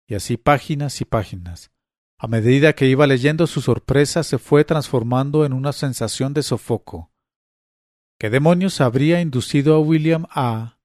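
A man's voice: mid-range voice, no echo. Dry-voiced man reading a literary story. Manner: measured, quietly dramatic reading with light character voicing. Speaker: narrator.

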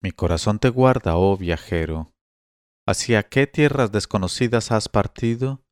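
Man reading as a sad young woman, soft and pleading, quiet and slow. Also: lowish voice, clear, resonant tone, no echo, studio quality, close to an everyday voice. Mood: sorrowful. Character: sorrowful young slave woman.

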